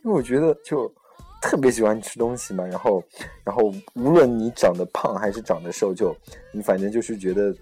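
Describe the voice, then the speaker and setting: A young man with a husky, low-mid voice hosts a relaxed talk show, pausing often with fillers and correcting himself as he goes. Faint music sits behind him. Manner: hesitant, many fillers and self-corrections. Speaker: host. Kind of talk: casual chat on a podcast-style program.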